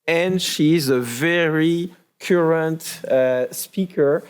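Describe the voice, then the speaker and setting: A man moderating a conference session, thanking one speaker and introducing the next in a halting way. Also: fairly high pitch, clear, resonant tone. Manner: halting, with many fillers.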